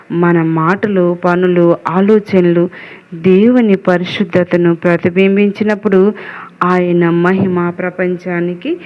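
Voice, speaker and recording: Slow, measured nun on a dull recording. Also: female voice, on the low side. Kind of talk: devotional reflection and spoken prayer.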